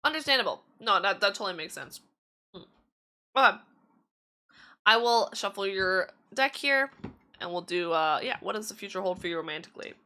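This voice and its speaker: A woman's voice: medium pitch, animated, a little fast, pauses often, bright, forceful tone. A woman streaming tarot readings in casual chat, chatty and giggly with lots of fillers, her voice slightly strained.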